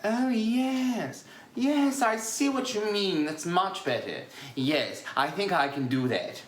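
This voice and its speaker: An actor playing an ailing, proud older male composer who speaks in a measured, formal way but flares up quickly. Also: medium pitch, lively intonation, reverberant, background noise. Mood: agreeable. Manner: measured, formal, easily agitated. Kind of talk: amateur online musical reading.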